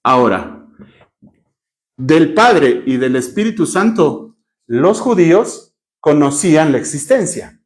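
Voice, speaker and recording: Cuencan guy teaching bible class, kinda high voice, quizzing students and writing on the board. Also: very animated, slow, pauses often. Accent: Ecuadorian Spanish, Cuenca. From Ecuador. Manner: questions the class, spells out terms and writes on a board.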